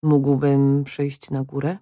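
A woman reading the part of a shy, awkward young man who speaks slowly and haltingly, in an audiobook. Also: low voice, very animated, no echo, clean studio sound, exaggerated voice. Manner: slow, deliberate, halting.

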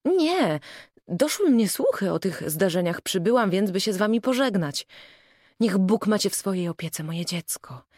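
A woman reading a devoted aunt who is tender yet urgent, giving blessings and warnings. The voice rises and falls in a lively way, recorded dry and close. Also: mid-range voice, moderate pace, no echo. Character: kindly aunt bringing urgent news.

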